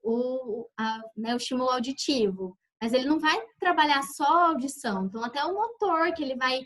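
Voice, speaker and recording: Higher-voiced woman adding remarks. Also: expressive, fairly quick, fairly bright tone. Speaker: school educator co-presenting a parents' talk. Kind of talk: informal online lecture.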